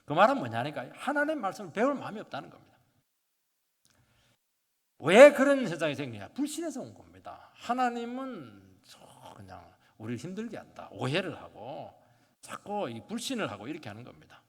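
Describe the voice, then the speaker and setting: Man preaching with wild loud-soft swings. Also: fairly high pitch, wildly swooping pitch, a little fast, husky. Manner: dramatic swings from shouting to whispering, acts out congregants' quotes. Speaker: pastor. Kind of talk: sermon. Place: church sanctuary. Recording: long hall reverb.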